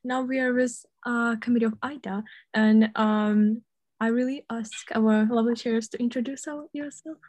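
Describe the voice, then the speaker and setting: A woman interviewing two chairs, halting and searching for words. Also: fairly high pitch, steady tone, darkish tone, no echo. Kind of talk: casual interview hosting.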